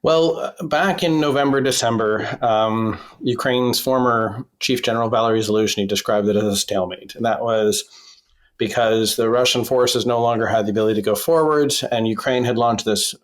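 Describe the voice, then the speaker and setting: A man reporting by phone from a basement as a foreign correspondent, measured and full of fillers and restarts. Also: mid-range voice. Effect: phone line. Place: basement in a war zone.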